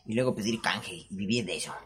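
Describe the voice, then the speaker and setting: A young man with a Peruvian Spanish accent tells stories to camera in a casual, animated way. He laughs often and swears freely. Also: fairly low pitch, fast, slightly rough. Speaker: vlogger. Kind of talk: casual storytelling monologue. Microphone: camera setup with microphone.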